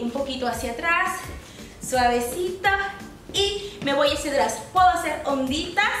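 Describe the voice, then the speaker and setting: A woman's voice: extremely high pitch, bright, forceful tone. A young woman teaching a dance tutorial, upbeat and encouraging, counting the beats aloud and making sound effects for the steps. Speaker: dance instructor. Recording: very echoey room, mic far off.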